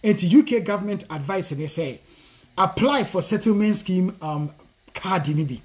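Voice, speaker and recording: A man's voice: high-pitched, lively intonation, moderate pace. A man with a Ghanaian accent hosting an advice show, explaining informally to listeners with frequent hesitations and repeated phrases. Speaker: host of a legal advice phone-in show. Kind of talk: informal spoken explanation to listeners, switching between languages.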